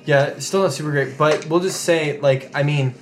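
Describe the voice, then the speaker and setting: A man's voice: fairly high pitch, steady tone, normal speed, slight background noise. A man narrating a tabletop game casually as the game master.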